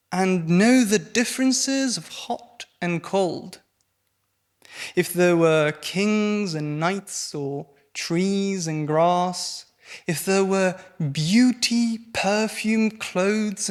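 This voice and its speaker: A young man, a postgraduate student, reading his poem very deliberately, his voice trailing away almost to nothing at line ends. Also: high voice. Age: young adult. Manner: very slow, deliberate reading that trails off to near silence. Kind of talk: poetry recitation.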